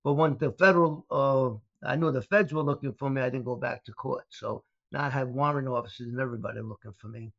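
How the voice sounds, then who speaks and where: A gravelly older man from Brooklyn, New York speaks fairly quickly in a steady, medium-pitched tone with few pauses. As a guest in a storytelling interview, this ex-mobster turned speaker rambles with many "uh" fillers and restarts. The lo-fi audio is dull and dry, without echo.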